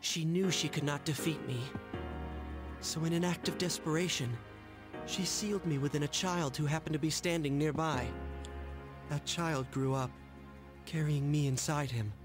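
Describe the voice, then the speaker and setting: A young man voicing a calm, mysterious young figure in a video game, speaking in a measured, grave way. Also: fairly high pitch, natural voice. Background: game music.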